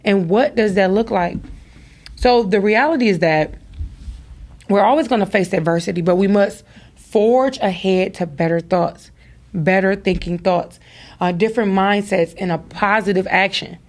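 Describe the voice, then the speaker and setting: A woman's voice: mid-range voice, normal speed. Woman doing a motivational talk on her podcast, kinda preachy, keeps hammering the same point over and over. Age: adult with daughters. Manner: emphatic, repeats phrases for stress; speaks to listeners directly, preacher-like. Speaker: podcast host.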